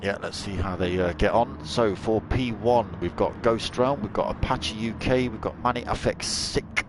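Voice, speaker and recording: Speaking at a moderate pace in a fairly low pitch, this male race commentator and streamer covers an online racing event live. His commentary is chatty and jokey, with dad jokes between updates, while loud engine and track noise roars behind him.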